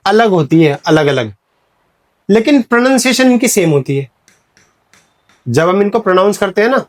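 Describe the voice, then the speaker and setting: A man teaching English vocabulary in Hindi. He asks the class questions, says "clear hai?" often, calls students "beta", and reads English example sentences slowly. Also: high voice. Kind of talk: classroom lecture.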